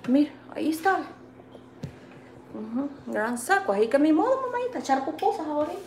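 On her vlog's casual live-stream, a woman with a Salvadoran Spanish accent makes tortillas while reading viewer comments and consoling them with sweet pet names. Her high, sing-song, darkish voice is fairly quick, affectionate, folksy and talkative. The room is echoey with faint background noise.

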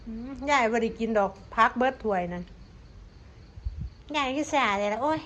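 A woman's voice: on the high side, animated, moderate pace, a bit bright, a little hiss or hum. A woman with an Isan Thai accent, chatting casually and coaxing her pets in a sing-song voice. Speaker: pet vlogger.

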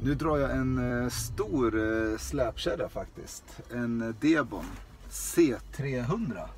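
A man in his thirties from Sweden talking casually to the camera while driving, with many hesitant pauses. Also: mid-range voice, lively intonation. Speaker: vlogger. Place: inside a moving car. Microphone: camera on the dashboard. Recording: loud road noise in a car. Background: loud car and road noise.

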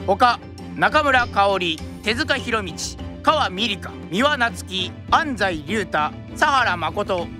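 A woman narrates theatrically in the Japanese kodan storytelling style, dramatic in delivery and formal and polite in her phrasing. Her medium-pitched voice is animated but slow, with music behind it.

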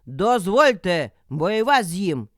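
A woman voicing a hungry, threatening male wolf who shouts his singsong demands in a storybook. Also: on the high side, sing-song, a little slow, no room sound, clean studio sound, pitched above the performer's own voice.

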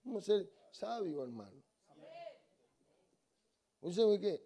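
A man with a high voice and a mellow, dark tone preaches to a church congregation. He tells stories with humor, drops to soft asides, then rises to loud exhortation. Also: sing-song, slow pace. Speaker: guest preacher. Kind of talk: lively Spanish-language sermon with humorous anecdotes. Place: church sanctuary.

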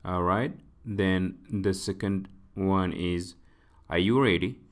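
A man with an Ethiopian accent teaching English phrases, whose first language is Amharic, saying each phrase slowly and repeating it. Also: deep voice, fairly even intonation. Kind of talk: slow, repeated lesson dictation.

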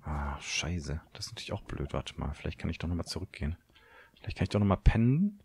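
A man's voice: extremely low pitch, animated, fast talker, gravelly, darkish tone, slight background noise. A young German man commenting on his own game, nervous and talking to himself, swearing at monsters. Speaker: gaming video host. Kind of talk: Let's Play commentary.

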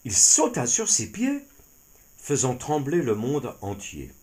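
A man narrating a children's animal tale in an expressive storytelling style. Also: mid-range voice, slow.

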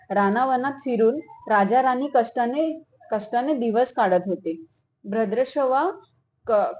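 A woman's voice: on the high side, a little mellow, slight background noise. A woman reading a devotional folk tale aloud as storyteller, often restarting and correcting herself. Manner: reads with frequent small restarts and self-corrections.

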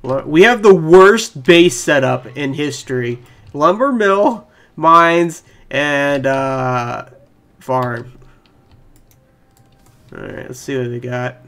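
A young man talks through his own match as it happens, rambling and excitable. His voice sits a bit high for a man. Keyboard clicks rattle behind him as he plays. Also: slow pace, pauses often. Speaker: gaming channel host. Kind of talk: live gameplay commentary. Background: keyboard typing.

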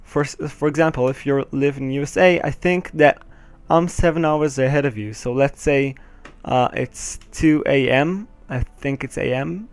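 A teenage Israeli boy, a native Hebrew speaker with an Israeli accent, hosts a gaming channel and gives casual gameplay commentary through a headset. His mid-range voice moves at a normal speed, clean and without echo. He sounds hesitant, full of ums and nervous laughs, and swears when the game goes wrong.

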